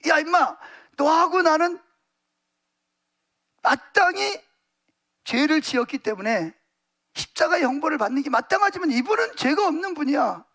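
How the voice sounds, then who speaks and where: A blunt, repentant condemned thief with a rough, scolding tone, put on by a male preacher. His voice sits very high for a man. He speaks matter-of-factly. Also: lively intonation, brisk, a bit bright, full character voice.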